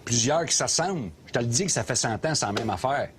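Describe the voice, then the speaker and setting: A man's voice: medium pitch, animated, quick pace, noisy background, natural voice. A man playing a ranting Québécois cab driver. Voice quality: sarcastic ranting, mocking. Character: loud opinionated middle-aged male taxi driver. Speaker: taxi driver. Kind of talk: scripted comedy sketch. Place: inside a taxi.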